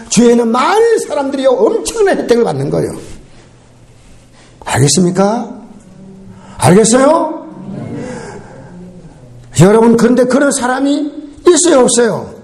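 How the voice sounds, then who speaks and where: A male pastor delivers a Sunday sermon with a high, lively voice that leaps up for emphasis and drops low for asides. He keeps calling out to the congregation and asks them to answer back. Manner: animated, call-and-response with the congregation. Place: church sanctuary.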